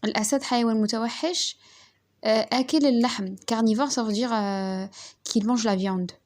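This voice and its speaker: Woman slowly dictating a lesson. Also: on the high side, fairly even intonation, a little mellow. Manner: slow, careful dictation, spelling words letter by letter. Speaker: French teacher. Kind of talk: primary school lesson.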